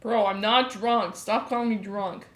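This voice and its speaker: A woman's voice: mid-range voice, fairly even intonation, unhurried. A woman with a nasal voice, joking and laughing in casual livestream chat. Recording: roomy, faint background noise.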